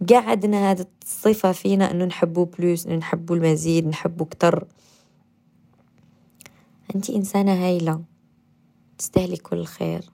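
A woman with an Algerian Arabic accent, a radio host leading a guided meditation and self-affirmation talk, gentle and coaxing. She repeats affirmations and sometimes drops to a soft whisper. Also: on the low side, fairly even intonation, brisk, gravelly, long pauses.

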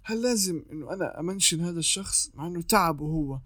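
A man talks quickly and casually, walking the listener through advice step by step and often restarting his sentences. His voice sits a little high, and the recording is dry and close, with no room sound. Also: lively intonation, fairly bright tone, no room sound. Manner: chatty, explains step by step with frequent restarts. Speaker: artist giving freelancing advice.

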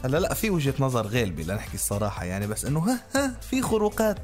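A male radio host with a Lebanese Arabic accent speaks very fast with lively, swinging intonation. His casual banter is teasing and challenging, with music clearly playing underneath. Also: medium pitch.

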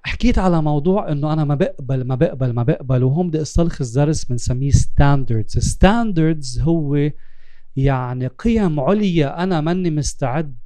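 A man's voice: on the high side, a little fast, mellow, dry recording. A man with a Lebanese Arabic accent hosting a reflective interview in a life-coach style, dropping English terms into his Arabic and repeating words for emphasis. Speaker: interviewer and host.

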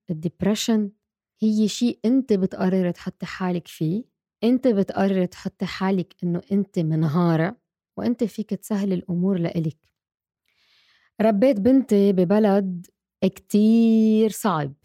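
A woman's voice: medium pitch, creaky, mellow, no echo, clean studio sound. A woman with a Lebanese accent, talking to mothers in an earnest, direct way and repeating words for stress. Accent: Lebanese Arabic. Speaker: podcast host. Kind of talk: casual personal talk to mothers.

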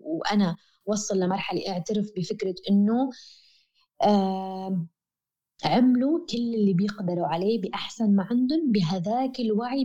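A woman's voice: mid-range voice, warm tone, muffled recording. A woman with a Levantine Arabic accent speaking as an interview guest, explaining reflectively in an earnest, emphatic way and repeating key phrases.

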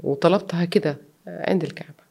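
A woman's voice: lowish voice, fast, vocal fry, darkish tone, slightly rough. A woman, speaking earnestly and reflectively as an interview guest, mixing in English words. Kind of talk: personal interview.

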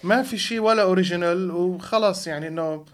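Here a podcast co-host with a Levantine Arabic accent talks fast, his voice sitting high. He tells animated stories, weaves in some English, and offers his opinions casually and bluntly.

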